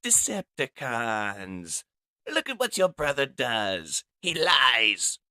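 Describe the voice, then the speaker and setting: Shrill, scheming robot coward for a comic dub, bright and melodramatic, with big swings in pitch. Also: male voice, huge pitch swings, takes it slowly, dry recording, clean studio sound, exaggerated voice. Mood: grandstanding. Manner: screeching, pleading, melodramatic.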